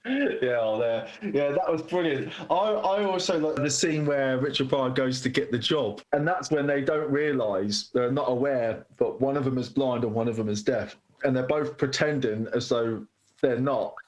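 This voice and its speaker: A man's voice: medium pitch, normal speed. A man co-hosting a podcast, chatting casually about films and laughing as he retells scenes. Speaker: podcast co-host. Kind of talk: casual film chat.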